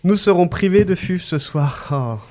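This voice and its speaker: A man hosts a podcast and reads a guest introduction. His voice sits a little higher than most men's. He keeps it playful, breaking into laughter and joking asides between the scripted lines. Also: animated, a little slow, a little mellow. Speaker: podcast host.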